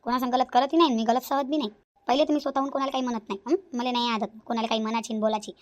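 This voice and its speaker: A woman voicing an angry young daughter-in-law in a cartoon, shouting. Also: a little high, fairly even intonation, dull audio, natural voice. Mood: defiant. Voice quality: shouting, quick and blunt. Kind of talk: cartoon voice acting.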